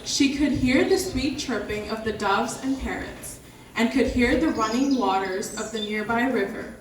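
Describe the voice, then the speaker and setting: A woman's voice: a little high, normal speed, slight background noise. Woman narrating a tale in an echoey hall. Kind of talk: scripted storytelling narration for a stage dance drama. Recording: echoey hall from far off, music behind.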